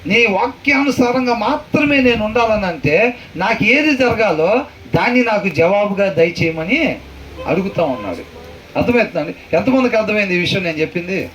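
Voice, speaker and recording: A man teaching a Bible lesson as a pastor, questioning his listeners and repeating verses slowly. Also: high-pitched, expressive, fairly bright tone, muffled recording. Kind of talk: conversational sermon with questions to the room. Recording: far from the mic, faint noise.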